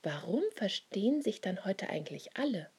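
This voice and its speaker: A woman's voice: medium pitch, sing-song, normal speed, darkish tone, husky. A woman doing Sarah, a curious little girl. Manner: curious, questioning.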